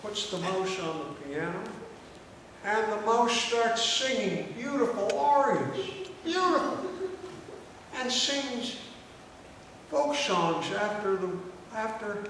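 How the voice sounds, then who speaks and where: Older male host, high-pitched voice, unhurried rambling joke delivery; distant mic, echoey hall with noise behind. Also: animated, a bit bright. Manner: slow, meandering joke-telling with fillers and restarts. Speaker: comedy show host. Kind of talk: telling jokes to a live audience.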